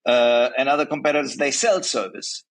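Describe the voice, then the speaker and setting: A man's voice: medium pitch, fairly quick, creaky, low-quality recording. Man explaining, tagging "right?" often. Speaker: guest, software company regional director. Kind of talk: casual interview talk.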